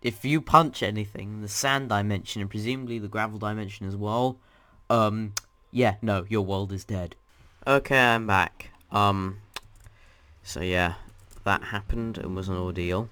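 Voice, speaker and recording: Wry man narrating gameplay, slightly low voice. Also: steady tone, unhurried, sharp tone, clean tone. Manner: dry and sarcastic, with bursts of alarm. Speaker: YouTuber showcasing a game mod. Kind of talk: casual gameplay commentary.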